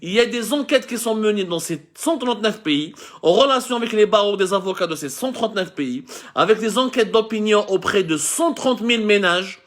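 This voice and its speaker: Algerian guy in his 30s doing a live monologue, fairly high voice, keeps restarting his sentences. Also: lively intonation, a little fast, a bit bright. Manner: impassioned, with frequent restarts and self-corrections. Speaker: host of a live online show.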